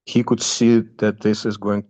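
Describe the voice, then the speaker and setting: A man with a Russian accent giving a spoken update on current events, halting often with fillers and restarts. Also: on the low side, little pitch movement, darkish tone. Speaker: guest commentator.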